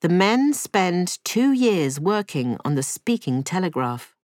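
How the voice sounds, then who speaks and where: Lively, low-voiced woman narrator. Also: slow pace, no echo. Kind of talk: scripted narration.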